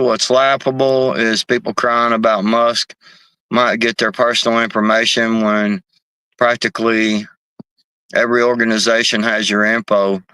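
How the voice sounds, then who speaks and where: A man hosts a casual live stream and answers the chat in a loose, profane way, dropping "man" and "bro" constantly. His voice is bright and forward, at an average pitch. The recording is dry, with no room echo. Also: clean tone. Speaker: livestream host reading chat.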